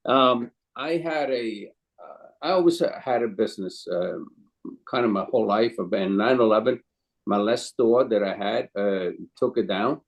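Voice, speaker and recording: A chef and caterer in his sixties from Calabria, Italy, tells his story in English with an Italian accent as an interview guest. He speaks hesitantly and ramblingly, with many pauses and some non-native phrasing. His voice is lowish, and the recording is rough.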